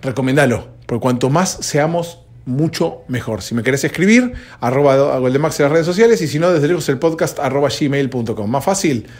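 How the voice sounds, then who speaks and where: A man's voice: medium pitch, animated, a little fast, few pauses, a little mellow. A sleepy man with a Rioplatense Spanish accent, rambling conversationally as a podcast host, recorded at home at dawn. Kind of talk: solo podcast chat.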